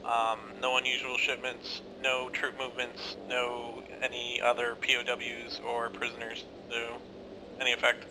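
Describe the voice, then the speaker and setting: A man's voice comes through a walkie-talkie, giving terse radio reports and map grids in a steady, middle-pitched tone. His delivery is narrow and flat, like practiced radio discipline. Thick background noise covers the transmission. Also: a little slow. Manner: clipped radio call-outs, ending with "over". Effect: heard over a walkie-talkie radio. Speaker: player on a squad radio net. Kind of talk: military radio procedure in a tactical game.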